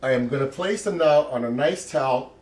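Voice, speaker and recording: The recording is very noisy. A fairly quick, mid-range male voice belongs to an older cooking show host who works through a casual home-kitchen demonstration, talking and cheering viewers on as he goes.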